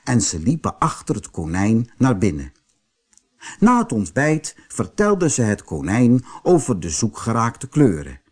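A man reading a fairy tale aloud as a storyteller, slow and very expressive. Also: mid-range voice, slightly rough.

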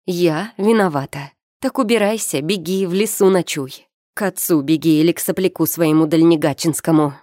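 A woman's voice: low-pitched, fairly even intonation, normal speed, warm tone, dry recording, clean studio sound, lightly acted. A woman voicing a stern middle-aged princess and mother who speaks sharply and scornfully in an audiobook. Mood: furious. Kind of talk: audiobook character reading.

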